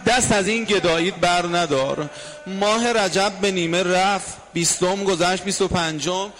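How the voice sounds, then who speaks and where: Male preacher, high voice, dramatic storyteller given to hushed asides and sung phrases. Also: faint music behind. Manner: dramatic storyteller, drops to hushed tones and half-sung lines. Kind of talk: emotional religious storytelling sermon.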